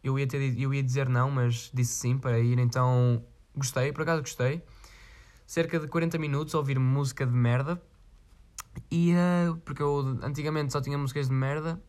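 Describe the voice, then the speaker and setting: A man's voice: medium pitch, fairly even intonation, normal speed, a little mellow. A man with a European Portuguese accent, chatting casually in a vlog and reading out viewer requests in a rambling, slangy way with frequent swearing. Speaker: vlogger.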